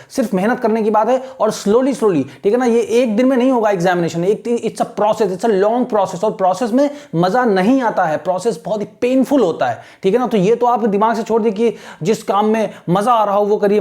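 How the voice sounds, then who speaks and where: A man teaching English online to exam aspirants, explaining earnestly, often checking "right?" and reading English sentences slowly for students to repeat. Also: high voice, darkish tone. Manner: keeps asking "right?", repeats English phrases slowly for imitation.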